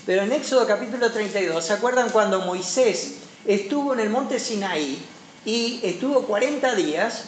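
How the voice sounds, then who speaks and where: Emphatic Paraguayan pastor in an echoey church. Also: male voice, high voice, a little hiss or hum. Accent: Paraguayan Spanish. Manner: emphatic preaching, voice rising and dropping sharply. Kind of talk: sermon.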